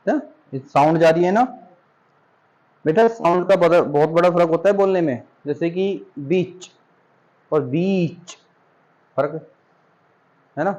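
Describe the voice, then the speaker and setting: A middle-aged male teacher from India leads a spoken English class. His voice sits a little higher than most men's. He explains patiently and draws out each example word so his students can follow. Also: darkish tone, highs cut off. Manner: patient, drawn-out example words, calls students "beta".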